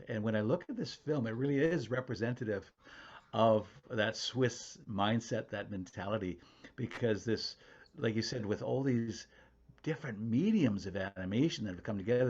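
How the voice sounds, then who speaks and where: A man with a somewhat low, husky voice asks an interviewer's questions. He phrases them in long, thoughtful, winding sentences. The sound is muffled and lo-fi. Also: darkish tone.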